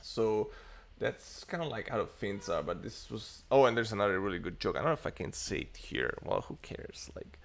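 Creaky and fairly low-pitched, this man's voice is very animated and moves at a moderate pace. He's an Italian in his thirties rambling casually with lots of fillers on a tech livestream, recorded in a home study lined with bookshelves through an earphone headset mic on a webcam stream.

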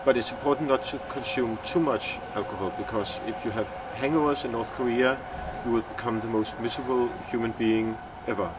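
A man's voice: mid-range voice, background noise. Danish-accented man, recorded a little far off. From Denmark. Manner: halting, searching for words. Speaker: filmmaker being interviewed. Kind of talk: reflective interview answers. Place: outdoor courtyard among glass buildings. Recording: distant mic outdoors, urban bustle behind.

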